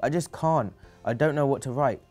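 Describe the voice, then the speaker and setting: A man's voice: medium pitch, normal speed, darkish tone, faint music behind, voice pushed up, natural voice. Man putting on a whiny ten-year-old girl. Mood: pleading. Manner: whining, complaining.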